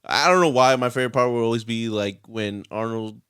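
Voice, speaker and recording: A man hosting a casual film podcast, leading a recap in a relaxed way with plenty of filler words. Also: medium pitch, fairly quick, smooth, dry recording, studio quality. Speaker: podcast host.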